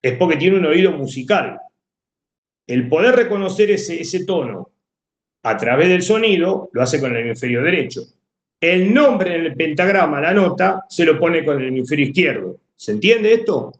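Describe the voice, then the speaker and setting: A Rioplatense-accented male teacher giving a classroom lecture. His pitch sits a little high and swings freely as he explains, and he keeps asking the class whether they follow. The sound carries an echoey room. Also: big pitch swings, moderate pace, highs cut off. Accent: Rioplatense Spanish. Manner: explanatory, checks understanding often.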